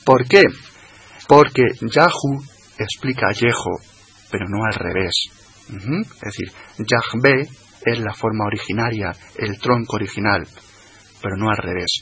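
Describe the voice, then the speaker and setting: A man, a guest on a radio talk show, explaining slowly and carefully, repeating and spelling out words. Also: on the low side, a bit bright, slightly rough. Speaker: guest expert on religion.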